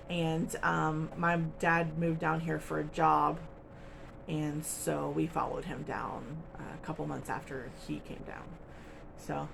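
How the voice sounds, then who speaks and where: A woman hosting a crochet channel talks casually to her camera at home, wandering from point to point with plenty of ums. Her voice has a gravelly edge. A faint hiss of noise sits behind her. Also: low-pitched. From United States. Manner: chatty, rambling, with frequent ums and little laughs.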